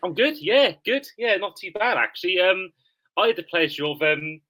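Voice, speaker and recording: Bright-voiced chatty male podcast host. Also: sits high, lively intonation, moderate pace, rough recording. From Wales. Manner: friendly, chatty. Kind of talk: casual podcast chat.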